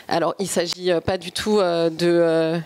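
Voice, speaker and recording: Woman, moderator, lowish voice, dry close sound, halting, many fillers, guides the guest. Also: little pitch movement, darkish tone, dry recording. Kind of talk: hosting a public talk. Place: live event in a shop.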